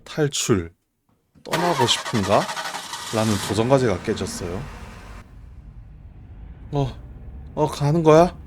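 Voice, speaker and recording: A man doing live horror game commentary as a streamer, jumpy and reactive, talking to himself and sometimes shouting. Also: mid-range voice, animated, slow pace, pauses often, background noise.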